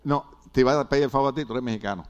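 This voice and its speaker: A man pastor giving a humorous sermon in a church, joking with the congregation and swinging between loud and hushed. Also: mid-range voice, very fast. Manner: animated, jokey preaching with wide swings in loudness. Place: church hall.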